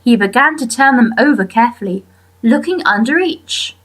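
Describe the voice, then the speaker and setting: A woman narrating a children's story as an audiobook reader, expressive and with deliberate pauses. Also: a little high, low-quality recording.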